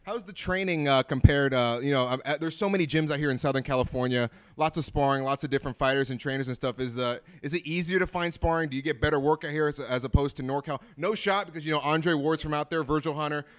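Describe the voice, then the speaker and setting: High voiced guy doing casual sports interviews, slangy and buddy-buddy. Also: fast talker, few pauses. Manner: slangy, chummy. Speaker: sports podcast host and interviewer.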